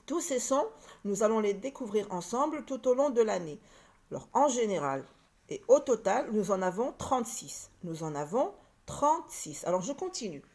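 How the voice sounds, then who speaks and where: A woman teaching a reading lesson to children, slow and patient, repeating each point and sounding out letters and syllables. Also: a little high, lively intonation, darkish tone.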